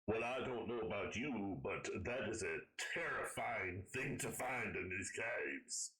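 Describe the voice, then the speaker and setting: A man's voice: fairly low pitch, lively intonation, measured pace, sharp tone. A man playing a tabletop game, chatting casually, recorded in an echoey room. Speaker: player.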